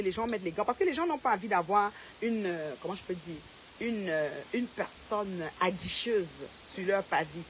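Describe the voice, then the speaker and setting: A woman's voice: mid-range voice, slight background noise. Confrontational woman ranting to camera. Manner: confrontational, addresses a rival directly and repeats herself. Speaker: social media personality. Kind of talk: direct-to-camera rant.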